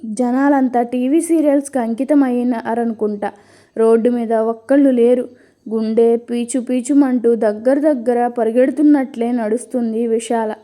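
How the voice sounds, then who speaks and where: A woman narrating a dramatic story with expressive, storybook delivery. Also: on the high side.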